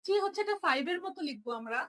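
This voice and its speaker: A woman's voice: high-pitched, animated, rapid-fire, a bit bright. A young woman teaching a Japanese writing lesson, explaining each stroke patiently and repeating every sound.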